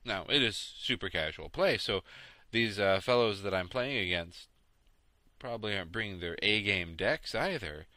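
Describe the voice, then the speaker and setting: A man in his thirties hosts a casual gaming podcast late at night, sounding tired and rambling. His voice is sharp and bright but sits a bit low, recorded very dry and close. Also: animated, normal speed, dry recording. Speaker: podcast host. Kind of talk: casual solo podcast chat about games.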